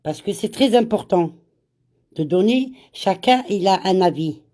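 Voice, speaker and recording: A woman's voice: medium pitch, lively intonation, warm tone. A woman with a cold hosting a casual live chat, greeting viewers by name and slipping in Arabic greetings. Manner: slow, repeats words. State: has a cold. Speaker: live stream host.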